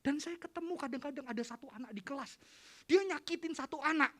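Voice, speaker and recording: A man's voice: very high-pitched, quick pace. A middle-aged male preacher giving a youth sermon, joking, laughing and acting out dialogue as he tells stories. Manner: animated, jokey, acts out dialogue, laughs often.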